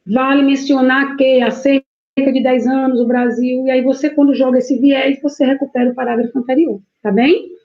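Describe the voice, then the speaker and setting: A Brazilian woman teaches a live online writing lesson in a fairly high voice. She explains patiently step by step, says each comma aloud and keeps checking that her students follow. Her voice comes through a dull, lo-fi livestream. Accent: Brazilian Portuguese. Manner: dictates punctuation aloud.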